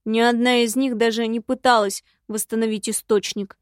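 A woman's voice: fairly high pitch, little pitch movement, moderate pace, clear, resonant tone, no room sound, studio quality, natural voice. Woman doing a grumbling eared imp. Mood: glum.

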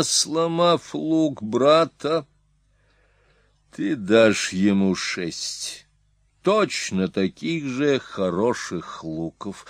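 A man's voice: lowish voice, dry recording, clean studio sound. A man doing a cold, commanding Hun king. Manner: slow, grave, imperious. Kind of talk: audiobook character voice.

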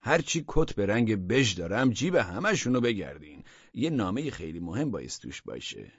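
Casting: man playing a pompous forgetful minister, husky low voice, dull recording. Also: big pitch swings, dry recording, heavily acted. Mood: commanding. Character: self-important male government minister, forgetful.

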